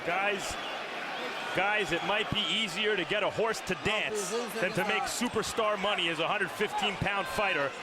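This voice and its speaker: A man provides live boxing colour commentary from ringside. His voice is high for a man. The arena around him is extremely noisy. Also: normal speed.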